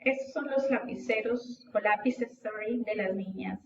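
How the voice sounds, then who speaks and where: A woman teaching an English lesson, reading words slowly and then giving their translations. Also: medium pitch, reverberant, far from the mic, dull audio, background noise.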